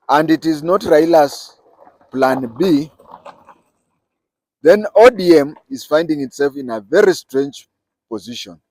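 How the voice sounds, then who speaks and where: Deliberate man, dry close sound. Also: on the high side, a little mellow, dry recording. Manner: deliberate, repeats key points for emphasis. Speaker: political commentator. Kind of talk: solo political commentary.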